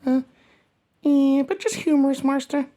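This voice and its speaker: A woman with a high, light voice playing a fawning servant in comic back-and-forth. She sounds eager and childlike, deferential on the surface but slyly teasing. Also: steady tone, a little slow, dark tone. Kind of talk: comic banter.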